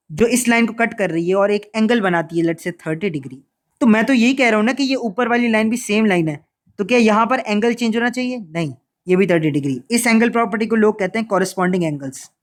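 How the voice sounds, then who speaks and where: A man with an Urdu accent teaching geometry in a recorded video lesson, playful and mixing English phrases into his explanations. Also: sits high. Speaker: math teacher.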